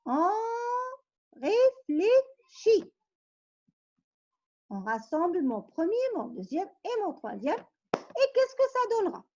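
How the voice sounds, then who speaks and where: A high-pitched woman teacher reads riddles aloud to her young pupils, coaxing them along with patient questions and hints. She speaks slowly with a lively, rising and falling tune. The recording sounds dull and lo-fi. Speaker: primary school teacher. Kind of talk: reading riddles to pupils in a vocabulary lesson.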